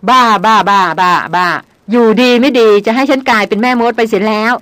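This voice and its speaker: A woman's voice: a little high, fairly quick, a bit bright, no room sound, natural voice. A woman reading the lines of a young woman doctor who snaps back sharply. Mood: exasperated.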